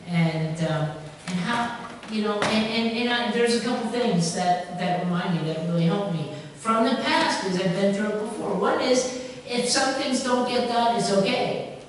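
A man's voice: high voice, far from the mic, slight background noise. Man preaching in an echoey church. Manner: conversational, rambling with restarts. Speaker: pastor. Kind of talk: sermon. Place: church sanctuary.

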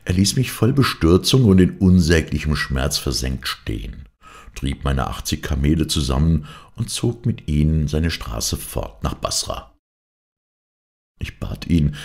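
A man reading a fairy tale aloud as a first-person narrator, in a dramatic, expressive storytelling manner. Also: a bass voice, gravelly. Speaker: audiobook reader.

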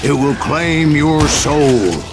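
A brooding old Wild West gunslinger narrates a western game in a rambling American drawl. His voice sits a little high and takes its time, with loud music playing underneath. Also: animated, slow. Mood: ominous.

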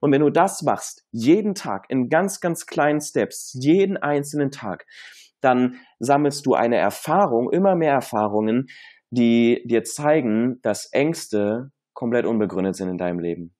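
A man of middle pitch talks as a motivational coach on a podcast. He is energetic and emphatic, and he mixes English catchphrases into his advice. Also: measured pace. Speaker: coach, interview guest.

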